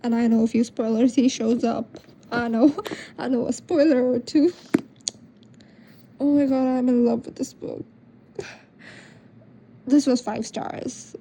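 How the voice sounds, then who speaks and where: Young woman, book vlog, rambling, gushing, slightly high voice, faint background noise. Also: fairly even intonation, normal speed, long pauses, warm tone. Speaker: book vlogger. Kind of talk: casual reading vlog chat.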